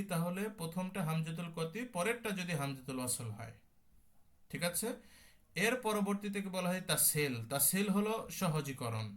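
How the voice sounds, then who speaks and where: A young man with a slightly high-pitched voice gives an online lesson on Quran recitation. He explains each rule step by step and asks questions only to answer them himself. He stretches out sample syllables and repeats them several times so learners can copy them. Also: a bit bright. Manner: explains slowly, drawing out and repeating sample sounds. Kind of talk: online tajweed class.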